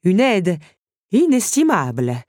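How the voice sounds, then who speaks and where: A woman voicing a courtly male candelabra servant who speaks slowly and ceremoniously, in a storybook reading. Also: mid-range voice, dry recording, clean studio sound. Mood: flattering. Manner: slow, ceremonious, flattering.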